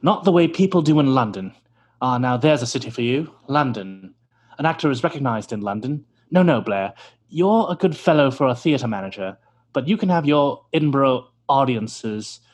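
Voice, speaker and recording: A man's voice: medium pitch, animated, normal speed, darkish tone, slightly rough. An actor playing a vain, pompous male stage actor who talks theatrically and scoffs, in an old-time radio drama.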